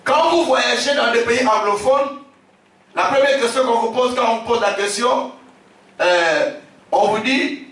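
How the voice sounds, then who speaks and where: A man from Africa, a bishop preaching a sermon, emphatic, repeating his phrases and shouting key lines. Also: very high voice, measured pace. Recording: very echoey hall, distant from the mic.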